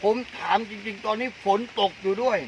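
A man's voice: high voice, fairly even intonation, fairly quick, background noise. A man interviewing a farmer for a promotional video, eager and repeating the answers back, outdoors in a coconut orchard in the rain. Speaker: interviewer, fertilizer brand owner.

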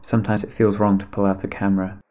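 Calm low-voiced man narrating. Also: quick pace, dull audio. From England. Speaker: paraglider filming his trip. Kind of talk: scripted narration and on-the-spot vlogging. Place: outdoors in the mountains. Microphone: action camera on his gear.

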